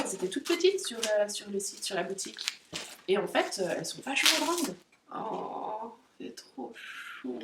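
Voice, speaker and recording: A young woman vlogging an unboxing of dog toys in a casual, excitable, giggly way, breaking off to talk to her dogs. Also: medium pitch, noisy background. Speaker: pet vlogger. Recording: roomy, distant camera audio.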